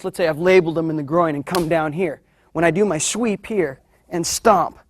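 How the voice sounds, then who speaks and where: A man's voice: a little high, no echo, studio quality. A man who is a martial arts instructor, explaining techniques step by step while he demonstrates them on a partner.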